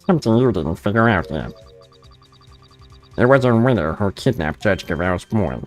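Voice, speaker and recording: A man's voice: on the low side, lively intonation, moderate pace, lightly acted. A man doing a smug caller in a disguised voice. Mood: taunting. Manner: smug, mocking, sing-song. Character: taunting mystery caller with a disguised voice. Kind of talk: reading game dialogue aloud.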